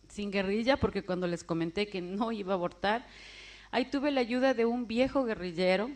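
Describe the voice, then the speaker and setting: A woman in her forties giving an emotional personal testimony, acting out the voices of people she quotes. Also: medium pitch. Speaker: testimony speaker.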